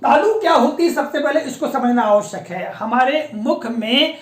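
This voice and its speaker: A woman teaching a patient, explanatory lesson, often pausing to check that her students follow along. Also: sits high, expressive. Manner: patient, explanatory, often repeats a confirming filler. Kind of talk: classroom-style lecture on pronunciation. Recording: echoey room.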